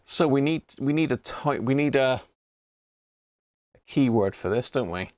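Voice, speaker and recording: Here a British livestream host talks casually about CB radio from his indoor radio room, wandering through thoughts and chatting warmly to viewers. His mid-range voice is expressive, unhurried and somewhat dark in tone, with no echo.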